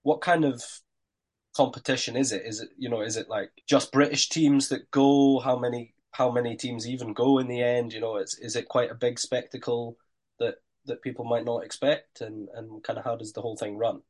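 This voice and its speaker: A Scottish man hosts a sports podcast in a conversational way. His voice is a little croaky and hoarse, sitting at a middling pitch. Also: steady tone, normal speed, a little mellow. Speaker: podcast host. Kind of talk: casual sports podcast chat.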